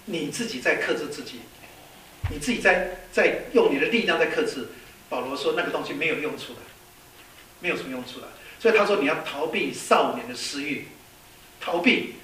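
A man preaching a sermon in a lively storytelling way, with many rhetorical questions and some English words mixed in. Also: on the high side, fairly quick. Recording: echoey hall, distant mic, faint hiss.

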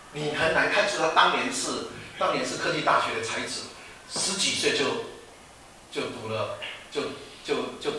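A man's voice: fairly high pitch, bright, forceful tone, slight background noise. A male pastor and former professor giving an informal sermon to students, chatty and teasing, with rhetorical questions and laughing asides. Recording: echoey room from a distant mic.

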